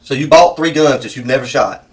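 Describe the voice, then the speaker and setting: A man's voice: mid-range voice, fairly quick, far from the mic, a little hiss or hum. A man with a Southern US accent questioning someone as a police interrogator, persistent, probing and folksy, often repeating answers back as questions.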